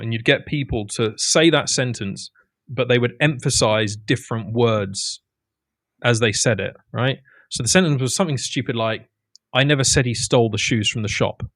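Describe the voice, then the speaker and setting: A man's voice: medium pitch, a bit bright, no echo, clean studio sound. A man co-hosting a casual podcast chat, talking emphatically and restarting his sentences when worked up. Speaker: podcast co-host.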